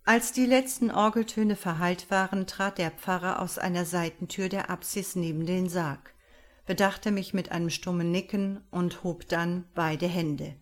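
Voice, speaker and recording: Lower-voiced woman narrating an audiobook. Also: steady tone, unhurried.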